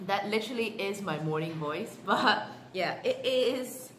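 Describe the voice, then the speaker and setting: A woman's voice: medium pitch, measured pace, echoey room, background noise. Casual woman vlogging at home. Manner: relaxed, rambling, many fillers and restarts. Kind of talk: casual chat to camera. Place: at home indoors. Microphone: handheld camera.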